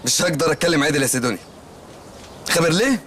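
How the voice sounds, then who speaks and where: A man's voice: fairly high pitch, animated, racing, a bit bright, slight background noise. An actor playing a naive, earnest male shopkeeper in a comedy film, speaking with an Egyptian accent and telling rambling, literal-minded stories. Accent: Egyptian Arabic.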